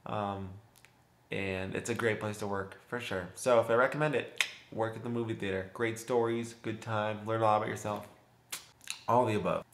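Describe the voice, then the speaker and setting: A man's voice: fairly low pitch, steady tone, moderate pace. A young man vlogging, chatty, laughing often and acting out voices as he tells a story. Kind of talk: casual storytelling. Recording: roomy echo.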